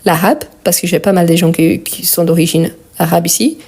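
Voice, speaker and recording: A woman with a fairly low, creaky voice that is a little mellow and slightly rough speaks at a moderate pace. She teaches French but her first language is Portuguese, and her Brazilian accent comes through as she patiently explains grammar in a live lesson, repeating and spelling out word endings.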